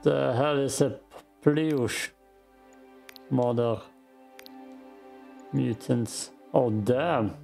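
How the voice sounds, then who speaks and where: A man's voice: mid-range voice, extremely slow, gravelly, pauses often, a little mellow, soft background music. A man with an Austrian accent, a native German speaker, giving casual muttering commentary as he plays a game. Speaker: gaming streamer. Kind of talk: casual let's play commentary.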